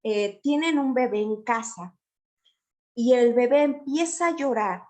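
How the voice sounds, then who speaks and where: A woman gives a lecture to trainee teachers, her voice sitting a little high. She explains at length and keeps checking in with her audience. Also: unhurried, a little mellow.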